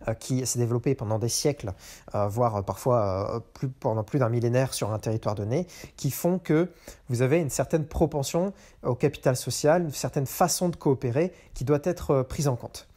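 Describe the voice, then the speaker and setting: Recorded in a car, this is a man hosting a podcast and talking off the cuff about economics. Medium in pitch, dark in tone and moderately paced, he stumbles with many fillers and restarts.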